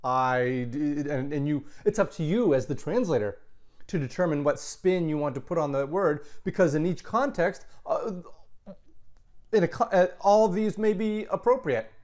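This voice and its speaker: A man teaching a recorded grammar lesson, explaining slowly and patiently, sometimes correcting himself mid-sentence. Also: fairly high pitch, a little mellow. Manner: slow, patient explaining with self-corrections and asides. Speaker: Latin teacher.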